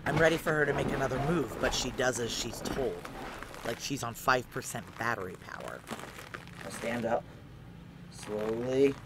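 Over a noisy background, an actress with an extremely low voice plays a tough, guarded, suspicious woman on the run in a noir audio drama. She narrates in first person at a moderate pace, using clipped, hard-boiled phrases in a grim, tense mood.

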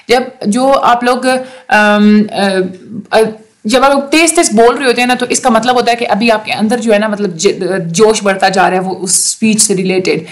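Woman tutor, fairly high voice, rapid chatty exam-prep lecturing. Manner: fast talker with many fillers.

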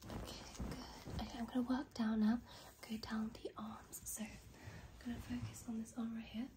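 A woman's voice: fairly high pitch, little pitch movement, normal speed, very noisy. A young woman doing a whispered role-play as a massage therapist, murmuring short, reassuring phrases to a client. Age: young adult. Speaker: ASMR performer playing a massage therapist. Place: small bedroom, indoors.

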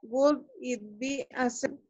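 Brief: shy female student, higher pitch, very slow, dry dull video-call sound. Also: fairly even intonation, dry recording. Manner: shy, repeats phrases slowly.

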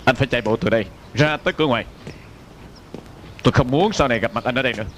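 A man's voice: medium pitch, very fast, a bit bright, slight background noise, close to an everyday voice. A man dubbing a stern male prison officer in a film, giving clipped commands.

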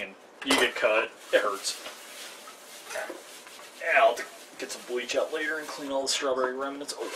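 Jokey young man cooking, distant noisy mic. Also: medium pitch. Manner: chatty, self-mocking, jokey asides. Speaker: cooking stream host. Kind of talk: casual live cooking demo. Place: home kitchen, indoors.

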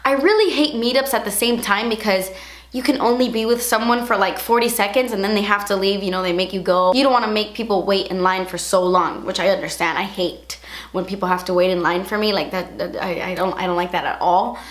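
A young woman talks casually to her viewers in an emotional, rambling way, filling her sentences with "like". Her voice sits at a middling pitch. The room around her is roomy and echoey. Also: fairly quick, a bit bright. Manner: chatty and emotional, heavy use of "like". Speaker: beauty vlogger. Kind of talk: casual chat to camera. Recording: roomy echo.

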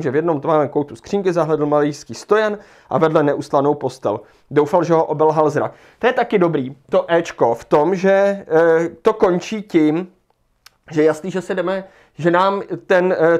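A man's voice: fairly high pitch, darkish tone. A man leading a livestreamed lesson, thinking aloud as he rereads passages and works through an exam task. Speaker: Czech language teacher.

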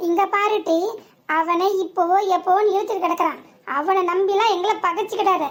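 A woman voicing a rough, mocking male thug in a cartoon. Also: very high voice, a little fast. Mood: taunting. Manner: taunting and rough.

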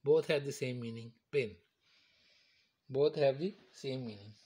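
Man slowly explaining medical terms. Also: medium pitch, dark tone, slightly rough. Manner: slow, repetitive, explains step by step. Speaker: teacher. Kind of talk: medical terminology lecture.

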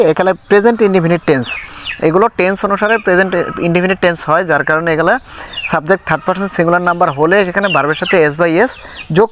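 A man teaching an English textbook lesson, explaining patiently and reading the English lines slowly before he translates them. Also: fairly high pitch, a bit bright, a little hiss or hum.

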